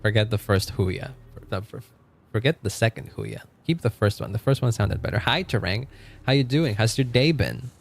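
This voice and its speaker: In his twenties, a man chats casually on a live stream, reacting to both the chat and the game. His voice is lowish with vocal fry, and he talks at a moderate pace with few pauses. He rambles, laughs often and lets sentences trail off.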